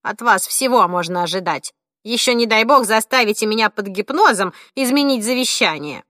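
A woman reading an audiobook, voicing a cantankerous 86-year-old woman who snaps and scolds in a shrill, indignant voice. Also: animated, normal speed, fairly bright tone, no echo, studio quality.

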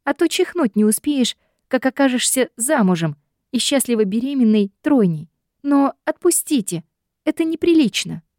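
A woman voicing a feisty young female secretary who protests in shrill outbursts. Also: expressive, moderate pace, a little mellow, no room sound, clean studio sound. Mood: indignant.

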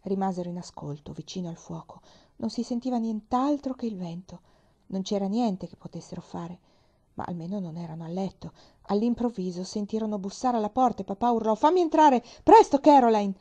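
Warm-voiced woman reading a story aloud. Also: medium pitch, brisk, muffled recording. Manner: expressive, drops to whispers. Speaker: reader. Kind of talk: audiobook narration.

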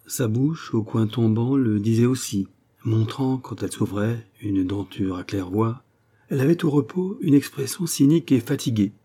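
A man reading a classic novel aloud in a measured, expressive narration. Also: mid-range voice, slightly rough. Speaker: audiobook narrator. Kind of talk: scripted literary narration.

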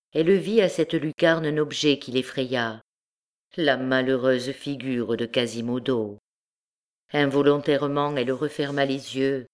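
Low-voiced woman reading an audiobook. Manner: measured, expressive literary reading. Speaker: audiobook reader. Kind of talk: scripted audiobook narration.

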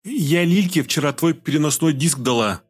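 A woman's voice: low voice, animated, moderate pace, slightly rough, voice pushed up. A man voicing a frightened young wife of a gang boss, gabbling in broken, pleading bursts. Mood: tearful explaining.

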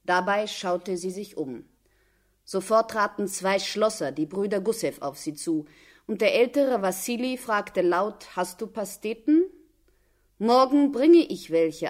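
Woman reading a story aloud, calm and measured, mid pitch. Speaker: narrator. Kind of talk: scripted literary narration.

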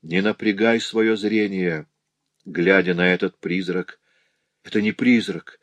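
A man reading an audiobook, voicing a grim, stern male companion who gives low, gloomy warnings. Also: steady tone, a little slow, a bit bright, no room sound. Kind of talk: audiobook character voice.

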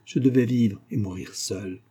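A man's voice: fairly low pitch, moderate pace, dark tone, husky. A man playing a grieving middle-aged father, bitter and despairing, speaking in an impassioned, anguished way.

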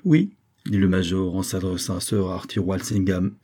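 A man reading aloud voices an effusive, flattering middle-aged army major with a theatrical, gushing manner. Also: low voice, normal speed. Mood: jovial.

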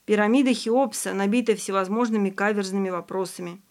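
A woman's voice: mid-range voice, a little fast, lightly acted. Lady reading a jokey young student guy, teasing the kids, audiobook. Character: cheerful young male student teacher.

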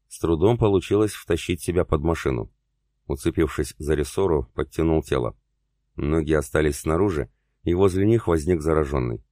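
A man narrating an audiobook in the first person, in a steady, grave way. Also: rumbling low, no room sound, clean studio sound.

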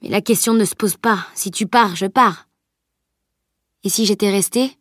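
A woman's voice: medium pitch, normal speed, husky, no echo, clean studio sound, close to an everyday voice. A woman reading the part of a loyal teenage boy in an audiobook, casual and teasing.

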